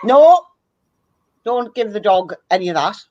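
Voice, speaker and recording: A woman's voice: medium pitch, animated, a little slow, dark tone, a little hiss or hum. A woman from England chatting casually with friends, blunt and teasing. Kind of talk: casual chat. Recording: dull, dry lo-fi audio.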